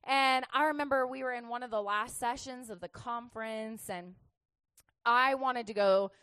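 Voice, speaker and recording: A woman's voice: a little high, moderate pace, a bit bright, clean tone, dry recording. A woman youth pastor telling a chatty, humorous testimony in a sermon, laughing often.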